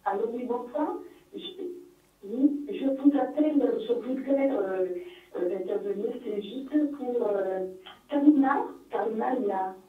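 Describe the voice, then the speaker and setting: A woman calling in to a radio show, speaking in an earnest, halting way with many pauses. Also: a little high. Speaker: caller. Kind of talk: call-in radio chat. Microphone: telephone. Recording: echoey tinny phone line from far off.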